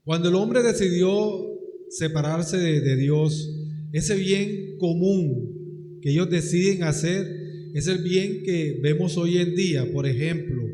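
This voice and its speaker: A man asking a question from the floor of a Bible class into a handheld microphone, his voice booming with loud hall echo, halting and restarting his words. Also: background noise. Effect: loud hall echo on a room microphone. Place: large echoey hall. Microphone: handheld room microphone.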